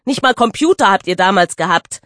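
A woman voicing a hot-tempered teenage boy who grumbles and protests loudly. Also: medium pitch, expressive, a little fast, no echo, clean studio sound, close to an everyday voice. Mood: angry. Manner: loud, angry, grumbling.

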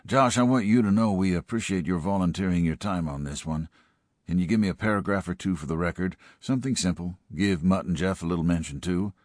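A man voicing a gruff, weary middle-aged small-town sheriff giving orders. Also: low voice, a little fast, a little mellow, no room sound, studio quality, lightly acted. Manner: gruff, commanding.

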